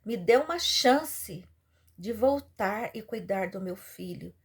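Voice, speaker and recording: A woman's voice: medium pitch, animated, slow, slightly rough, full character voice. A woman preacher voicing a dead mother who pleads tearfully with God to let her go back to her son. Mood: pleading.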